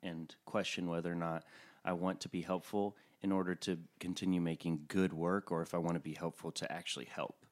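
Deep-voiced reflective male podcast host. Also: flat delivery, brisk, few pauses. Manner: earnest and reflective, sometimes joking. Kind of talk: casual interview chat.

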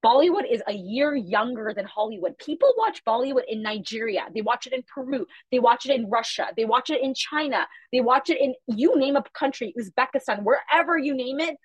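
A media company founder, Chhattisgarhi by first language, shares animated, emphatic, fast-paced stories of her company and upbringing as a guest in a casual podcast interview. Her voice is a little high and slightly rough. The audio quality is poor, with no room sound.

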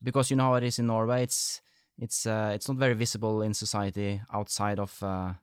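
A man's voice: lowish voice, level tone, a little fast, clear, resonant tone, no room sound, clean studio sound. A man hosting a casual podcast interview, talking in a tentative, rambling way. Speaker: podcast host.

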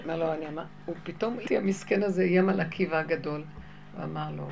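A woman telling a story in a casual, animated way, often laughing and acting out what people said. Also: sits low, creaky, a crowd in the background. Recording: loud music behind the voice.

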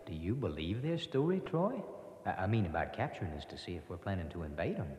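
A man playing a loyal, skeptical submarine crewman with a husky, folksy questioning manner in a vintage puppet adventure series. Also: low-pitched, very animated, quick pace, a little mellow, big-room sound, soft background music, exaggerated voice. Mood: doubtful.

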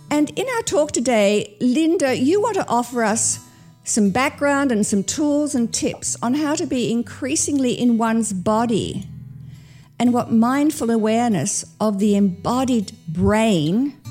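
A woman hosting a podcast, introducing her guest in an upbeat, expressive way. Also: on the high side. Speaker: podcast host. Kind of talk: podcast interview.

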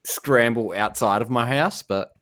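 An Australian man with a gravelly, slightly under-the-weather voice, chatting casually with friends as a podcast co-host. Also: mid-range voice, unhurried, a bit bright. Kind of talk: casual banter among friends. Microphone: remote recording over the internet.

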